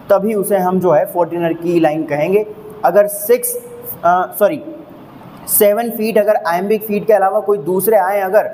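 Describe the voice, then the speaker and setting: A male teacher with a high voice walks through a lesson step by step, counting out each unit aloud and pausing to ask if it is clear. His voice rings with a long reverb, and a faint hiss sits underneath. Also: a little mellow. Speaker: English teacher. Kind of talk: classroom lecture.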